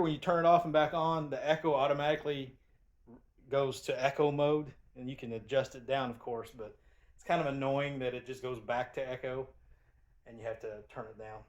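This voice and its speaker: A man giving a casual, rambling product review as the channel's host, often restarting his sentences. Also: medium pitch. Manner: chatty and rambling, with frequent restarts.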